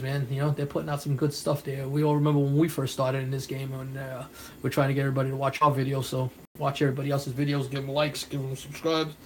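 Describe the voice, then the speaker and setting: A man with a New York accent talks loosely to his viewers, circling back over his words and calling out names. His voice sits mid-pitch and stays fairly flat. A faint hum of ambience runs behind him. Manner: rambling, repeats himself, thanks viewers by name. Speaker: comic book collector vlogger. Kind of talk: casual vlog chat to viewers.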